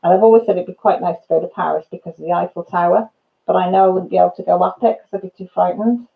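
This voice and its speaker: Casually chatting live with viewers, whom she calls by name, a Welsh woman in her fifties laughs through her stories. Her voice is on the low side, steady, rapid-fire and creaky, with narrow, tinny sound.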